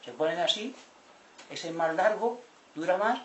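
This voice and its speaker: Lively Spanish man lecturing in a roomy hall. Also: sits high, normal speed, slight background noise. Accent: Spanish from Spain. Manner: animated, colloquial, acts out dialogue. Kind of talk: public lecture.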